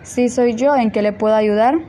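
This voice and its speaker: A woman's voice: a little high, steady tone, moderate pace, warm tone. A woman speaking as a customer in a short, polite call conversation. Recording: some background noise.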